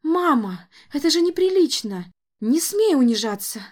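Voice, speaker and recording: A young noblewoman from a storybook, anxious and pleading, as a woman reader voices her. Her voice rises high and urgent, calling out for help with strained insistence. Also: very animated, normal speed, a little mellow. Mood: desperate.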